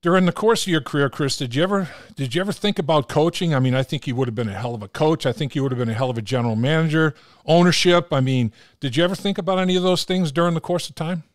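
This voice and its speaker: A man's voice: a little high, dry recording. Older male podcast host, dry sound. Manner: affirming, quick encouraging interjections. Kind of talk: casual interview.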